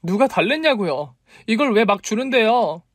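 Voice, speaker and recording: A man's voice: a little high, expressive, a little slow, a little mellow, dry recording, studio quality, pitched above the performer's own voice. A man voicing a flustered young woman who snaps with indignant questions, reading a story. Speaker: story reader.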